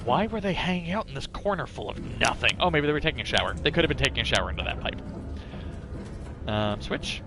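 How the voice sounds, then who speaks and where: A fast-talking man with an expressive, mid-range voice provides casual live commentary on a game stream, chatting and thinking out loud as he plays, with music running behind his voice.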